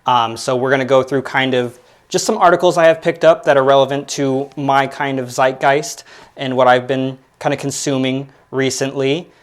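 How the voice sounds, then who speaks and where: A man's voice: medium pitch, fairly even intonation, normal speed. A man in his late twenties hosting his own pop culture podcast, talking casually and rambling with lots of fillers and restarts. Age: 20s. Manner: rambling, filler-heavy, self-deprecating. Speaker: podcast host. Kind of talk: casual solo commentary.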